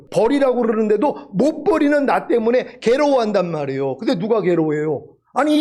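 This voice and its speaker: A man's voice: sits high, darkish tone. A male pastor preaching a sermon, emphatic and full of rhetorical questions, sometimes acting out a pleading prayer.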